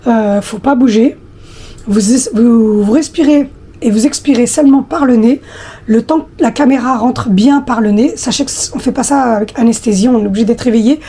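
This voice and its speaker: Husky woman chatting to viewers. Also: a little high, normal speed, warm tone. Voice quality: husky, slightly hoarse voice. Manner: hesitant, many fillers, talks directly to viewers. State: hoarse after flu, coughing. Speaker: lifestyle vlogger. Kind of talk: casual chatty storytelling.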